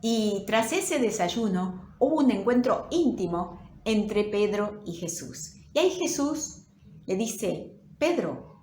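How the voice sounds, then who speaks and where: Slow, expressive Rioplatense woman pastor. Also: mid-range voice. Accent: Rioplatense Spanish. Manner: storytelling with rhetorical questions. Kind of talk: sermon. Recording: roomy with faint noise.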